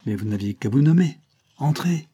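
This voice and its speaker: A man's voice: mid-range voice, animated, normal speed, dark tone, breathy edge, pitched above the performer's own voice. A man voicing a scheming villainous nobleman in an audiobook, insistent and persuasive. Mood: feigning. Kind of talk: audiobook character reading.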